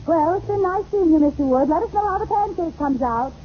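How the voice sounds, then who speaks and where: Coaxing wife, very animated. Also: female voice, extremely high pitch, fairly quick. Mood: wry. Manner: expressive, wheedling, wry. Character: scheming, coaxing young wife playing along as elf. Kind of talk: 1940s radio comedy acting. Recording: muffled, hissy 1940s radio recording.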